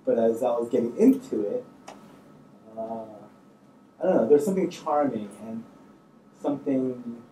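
On a public-talk panel, a screenwriter in his thirties sits on an indoor auditorium stage and thinks aloud in casual, hesitant, informal answers. His mid-range voice is mellow, at a measured pace with long pauses, recorded roomily from a distance with faint noise.

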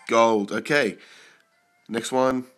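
Clearing his throat again and again because he's ill, a young man talks casually through his mobile game pulls, swearing excitedly at the good ones. He speaks slowly in a mid-range voice, with soft music in the background.

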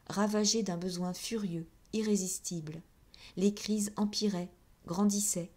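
A woman reading a classic novel aloud as an audiobook, in a steady, clear narration. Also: medium pitch. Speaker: audiobook reader.

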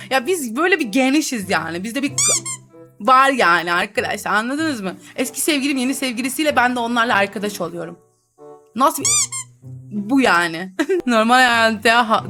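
A woman's voice: on the high side, sharp tone. A young woman chatting and teasing through a role-play game, laughing often as she comments. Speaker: gaming YouTuber.

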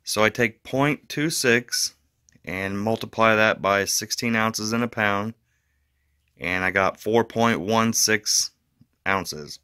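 A man chats through a casual how-to for his fishing channel, rambling a little with fillers and restarts. His voice is fairly low and smooth, with a bright edge. The sound is dry and close, recorded on a phone indoors. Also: slow, no echo.

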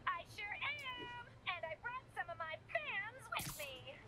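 High, bubbly, taunting livestreamer villainess. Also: female voice, animated, a little slow, background noise. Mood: gleeful taunting. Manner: bubbly, mocking, chat-slang showmanship. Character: gleeful, taunting young female livestreamer supervillain. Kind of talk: video game villain banter.

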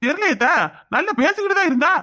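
A woman's voice: very high-pitched, expressive, very fast, sharp tone, heavily acted. A woman voicing a flustered young husband in a cartoon comedy, who pleads in a panic. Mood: panicked.

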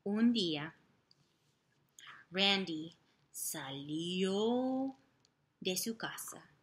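Slow, bright-voiced woman teaching Spanish. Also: lowish voice, a little hiss or hum. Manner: slow, repeats each phrase, switches between Spanish and English to explain; sings and makes sound effects while telling the story. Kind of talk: bilingual classroom storytelling lesson.

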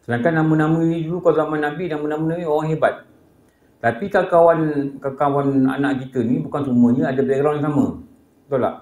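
A man's voice: a little high, steady tone, fairly quick, a little mellow. A man with a Malaysian Malay accent giving a casual religious lecture, telling humorous anecdotes and acting out the voices of people in them. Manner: humorous storytelling, acts out voices of people in his stories. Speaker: religious teacher. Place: prayer hall. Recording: echoey prayer hall.

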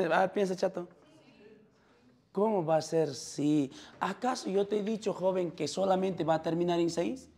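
Gravelly Peruvian math teacher quizzing students. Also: male voice, high voice, unhurried, a little mellow. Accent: Peruvian Spanish. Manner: quizzes students constantly, calling them "joven". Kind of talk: classroom math lecture. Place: classroom.

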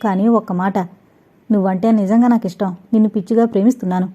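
A woman's voice: medium pitch, steady tone, quick pace, dark tone, lightly acted. A woman reading a bold teasing young lover. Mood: confident. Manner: playful, self-assured, teasing. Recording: dull lo-fi audio.

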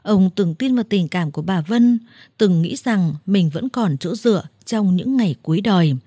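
A woman storyteller reading a scripted drama in a steady, dramatic narrating manner into a close mic. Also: medium pitch, moderate pace, slightly rough, dry recording.

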